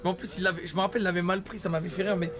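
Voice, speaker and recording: A man telling an anecdote in a casual clip, animated storytelling. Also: high voice, very fast. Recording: crowd chatter behind.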